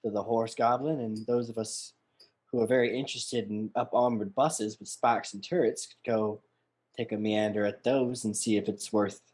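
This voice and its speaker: A man's voice: fairly low pitch, steady tone, normal speed, darkish tone. A man rambling hesitantly as a player in a tabletop game.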